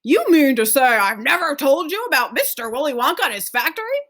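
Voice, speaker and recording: Woman playing frail old grandpa, eager, awestruck, emphatic, swooping pitch, children's storybook. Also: big pitch swings, brisk, fairly bright tone. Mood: astonished. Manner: emphatic, exclaiming, savoring superlatives. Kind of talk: acted children's storybook reading.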